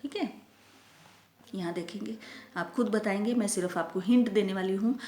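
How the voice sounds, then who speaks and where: A woman teacher leads a phonics lesson for young children. She sounds out letters and words slowly and clearly and asks patient questions. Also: medium pitch, mellow, reverberant.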